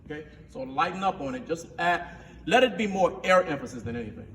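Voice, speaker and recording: A man's voice: fairly high pitch, animated, fairly quick, fairly bright tone. A man who is a band director, teaching a rehearsal and counting in his players, singing syllables to show how a note should sound. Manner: instructive, counts players in, sings syllables to demonstrate. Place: school band room. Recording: distant, reverberant room recording with faint noise.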